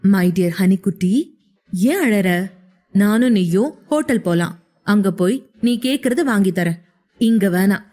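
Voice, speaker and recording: A woman's voice: on the high side, normal speed, a little mellow, natural voice. A woman voicing a stern, bossy young man who scolds and gives clipped orders in an audio story. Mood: soothing.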